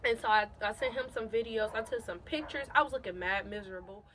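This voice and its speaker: A young woman in her late teens telling a casual storytime to her camera, animated and repeating phrases for emphasis. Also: medium pitch, quick pace, slight background noise, low-quality recording. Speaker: vlogger.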